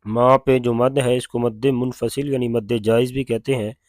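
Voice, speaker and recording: A man with an Urdu accent teaching Quran recitation, chanting verses slowly and then explaining the rules in quick plain speech. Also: medium pitch, flat delivery, a little mellow, dry recording. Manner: alternates slow drawn-out recitation with quick spoken explanation. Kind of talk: tajweed lesson with slow recitation.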